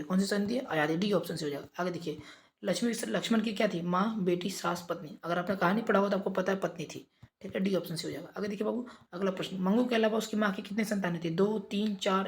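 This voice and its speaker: Man, brisk exam revision teacher, rattles through quiz options at speed. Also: high-pitched. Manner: brisk, reads out quiz options, coaxing pupils.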